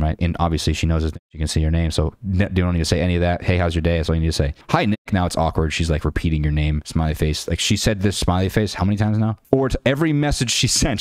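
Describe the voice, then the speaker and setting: Deep-voiced guy ranting dating advice fast, lots of likes and restarts, dry close sound. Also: no echo. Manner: blunt, rambling, many fillers and restarts. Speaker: dating coach. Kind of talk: screen-share critique monologue.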